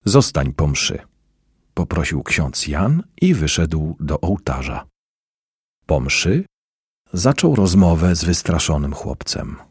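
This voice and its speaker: A man with a deep, husky voice reads a devotional story aloud, slowly and expressively. His pitch rises and falls widely, and the sound is close and dry. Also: no room sound. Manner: measured, expressive reading. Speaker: reader of daily devotional stories.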